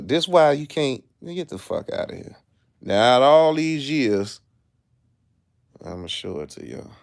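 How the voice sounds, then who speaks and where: A man's voice: lowish voice, smooth. A man with a Chicago accent hosting a live stream, ranting in a boastful, profane, streetwise way while he reads things out. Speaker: livestream host. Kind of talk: casual live commentary.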